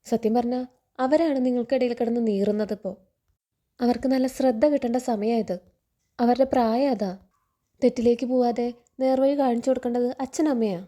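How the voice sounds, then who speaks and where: A gentle, earnest young woman, read out by a woman in a fairly high, mellow voice. She pleads softly and sincerely. The reading stays close to plain storytelling speech. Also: fairly even intonation, a little fast, long pauses, close to an everyday voice. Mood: earnest, pleading.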